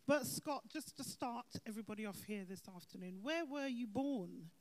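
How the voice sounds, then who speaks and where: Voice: mid-range voice, lively intonation, moderate pace, darkish tone. An interviewer at a church event, asking questions with a curious, encouraging manner.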